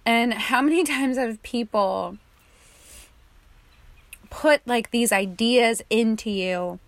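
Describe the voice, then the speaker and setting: A young woman guiding a meditation and reflecting on her own experience in a soft, calm, casual way. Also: fairly high pitch, takes it slowly, dry recording. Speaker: meditation guide. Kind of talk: guided meditation and personal reflection.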